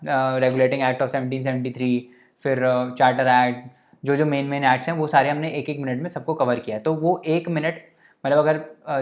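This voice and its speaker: A man giving a casual coaching lecture for exam prep, talking conversationally, mixing in English terms and often checking that listeners follow. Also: fairly high pitch. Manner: mixes English terms into Hindi.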